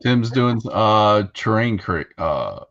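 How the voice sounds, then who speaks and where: A man co-hosting a casual hobby podcast, talking in a relaxed, rambling way with lots of fillers. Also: lowish voice, slow, lo-fi sound. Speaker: co-host.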